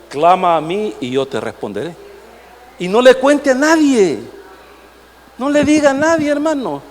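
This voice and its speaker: A male pastor, preaching a sermon with rhetorical questions aimed at the congregation. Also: sits high. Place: church sanctuary. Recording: long hall reverb.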